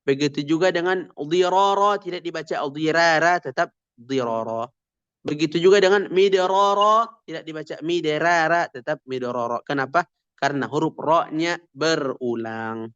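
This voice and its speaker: Recitation teacher, male, slightly high voice, explains rules and then drawls out example words, muffled lo-fi audio. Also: moderate pace, fairly bright tone, clear, resonant tone. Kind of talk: tajwid lesson with recited examples.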